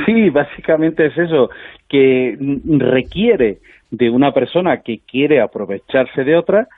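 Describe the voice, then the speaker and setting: A man's voice: medium pitch, lively intonation, slow, no echo. A man with a Spanish accent from Spain, an author guest explaining agreeably on a radio interview. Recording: dry tinny phone line.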